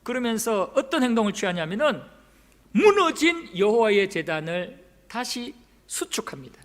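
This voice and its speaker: A man's voice: high-pitched, big pitch swings, normal speed. A male pastor preaching a sermon, telling the story with dramatic flair and acting out the quoted lines. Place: church sanctuary. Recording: long church hall reverb.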